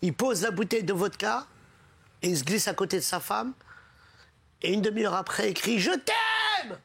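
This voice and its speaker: Very high, gravelly man telling a joke. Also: brisk, fairly bright tone.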